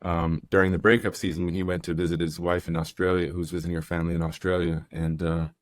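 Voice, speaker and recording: A man's voice: low-pitched, level tone, fast talker, no room sound. A young man hosting a casual podcast, easygoing and rambling, reading listener comments aloud. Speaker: podcast host, professor.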